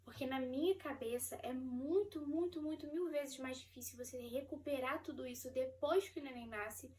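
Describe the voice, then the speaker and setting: High-voiced chatty Brazilian mom vlogger. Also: female voice, moderate pace, distant mic. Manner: chatty, animated, laughs often. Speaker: vlogger, mother of four. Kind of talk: casual storytelling to camera.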